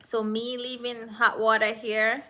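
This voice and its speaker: A woman's voice: a little high, little pitch movement, unhurried, pushed and bright. A woman from Jamaica with a Jamaican accent, chatting casually with viewers on a livestream, teasing them and answering their comments. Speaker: livestream host.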